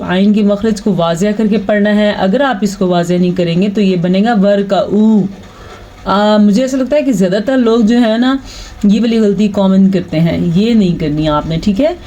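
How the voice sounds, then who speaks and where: A woman teaching Quran recitation, explaining patiently and reciting verses in a slow chant. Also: medium pitch, mellow, low-quality recording. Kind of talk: online tajweed lesson.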